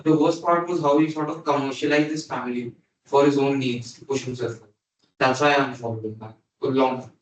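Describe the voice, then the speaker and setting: A man's voice: medium pitch, fairly even intonation, brisk, a little hiss or hum. A man in a focus group, explaining his views steadily. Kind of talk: casual discussion. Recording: echoey distant meeting recording.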